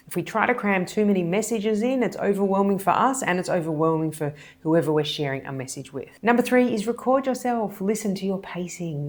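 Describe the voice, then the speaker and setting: A woman hypnotist and body language coach explaining speaking techniques in a measured, deliberate, emphatic way. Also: lowish voice. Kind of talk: explanatory video lesson.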